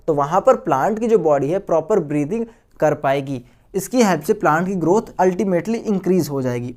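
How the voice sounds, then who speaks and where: A man's voice: high voice, darkish tone. A man giving a recorded science lecture to school students. He keeps asking questions and answering them himself, and repeats the key terms. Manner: addresses students as friends and guys. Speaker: science teacher.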